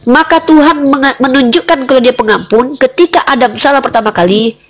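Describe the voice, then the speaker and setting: A woman's voice: high voice, fairly quick. A woman arguing in a heated religious debate, emphatic and challenging, firing off rhetorical questions at the man across from her. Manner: repeatedly addresses the other man directly.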